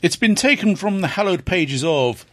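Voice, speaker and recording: A man co-hosting a casual chat, his voice booming with an echo-laden amplified effect and a slow, grand delivery. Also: lively intonation, a bit bright. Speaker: podcast co-host.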